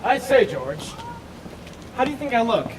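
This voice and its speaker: A man playing a vain, wealthy young gentleman suitor in a stage comedy, speaking in a pompous, self-satisfied way. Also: extremely high pitch, sing-song, moderate pace. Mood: smug. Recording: noisy stage recording, distant microphone.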